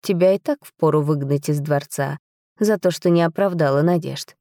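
A woman voicing a cold, domineering male dragon who is a royal husband, speaking slowly and drawing out his words. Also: low voice, warm tone, no echo, clean studio sound. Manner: slow, drawn-out, commanding.

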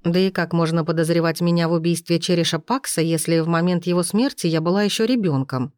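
A woman narrating an audiobook in a slow, measured reading voice. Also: fairly low pitch, a little mellow, no echo, clean studio sound. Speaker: audiobook reader.

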